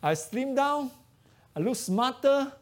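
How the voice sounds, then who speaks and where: A Malaysian preacher gives a testimony sermon in broken English, telling his story in an animated way. His voice is very high and he speaks at a slow pace.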